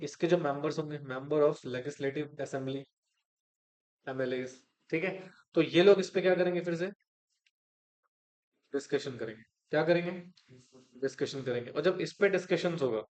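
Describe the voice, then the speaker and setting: A man's voice: fairly high pitch, a little mellow. A male teacher giving a classroom lecture in Hindi, often asking students questions and repeating the answers himself. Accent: Indian English.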